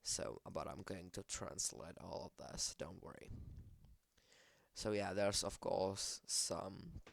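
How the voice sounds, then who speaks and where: A man's voice: sits low, slow, creaky, no room sound. A man with a Czech accent whose first language is Czech. He casually walks through a screen-shared project, hesitating often and correcting himself mid-sentence. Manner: hesitant, many fillers and self-corrections. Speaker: language creator explaining his project.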